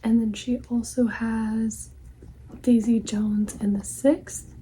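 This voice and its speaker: Woman in a ASMR role-play as a helpful librarian, very mellow. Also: on the high side, little pitch movement, takes it slowly, slight background noise, poor audio. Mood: gentle, helpful. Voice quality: soft-spoken, breathy library soft voice. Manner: gentle, hushed, attentive customer-service talk. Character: helpful, polite female librarian recommending books to a customer.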